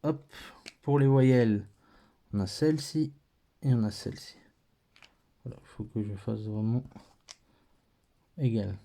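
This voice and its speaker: A man's voice: mid-range voice, takes it slowly, vocal fry, long pauses, dark tone. A man with a French accent teaching a patient, step-by-step lesson, thinking aloud as he writes.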